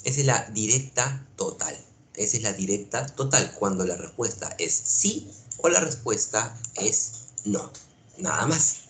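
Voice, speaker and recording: Male teacher, animated and repetitive, echoey room, light hiss. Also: on the low side, measured pace. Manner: repeats points, asks rhetorical questions. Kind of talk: lively classroom lecture.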